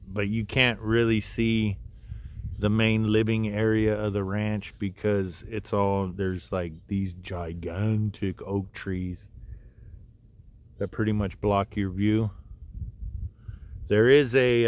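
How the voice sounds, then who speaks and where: A man's voice: lowish voice, clean tone. A man hosting a casual outdoor live stream, talking in a loose, rambling way with many asides and restarts. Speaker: livestream host. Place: outdoors near wind turbines, breezy.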